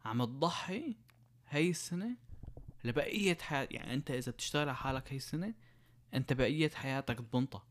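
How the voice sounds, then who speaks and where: Speaking quickly and expressively in a mid-range voice, a young adult man with a Syrian Arabic accent makes his case in a relaxed chat. Rhetorical questions and examples from daily life carry his explanations.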